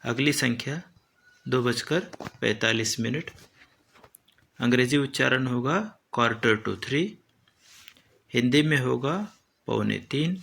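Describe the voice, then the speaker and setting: A man teaching a lesson slowly and deliberately, repeating each term as he explains it. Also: mid-range voice, creaky, fairly bright tone.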